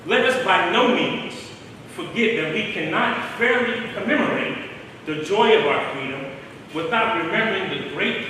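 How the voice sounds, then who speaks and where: A man giving a keynote speech in formal, measured oratory. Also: high voice, pushed and bright, a little hiss or hum. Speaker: keynote speaker. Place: large hall. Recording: echoey hall from far off.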